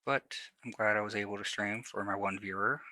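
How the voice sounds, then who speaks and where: A man's voice: lowish voice, fairly even intonation, a little fast, bright, forceful tone, dry recording, poor audio. A man with a lisp streaming from home, talking casually and rambling about his tech setup, swearing now and then. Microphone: new desk microphone. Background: faint music.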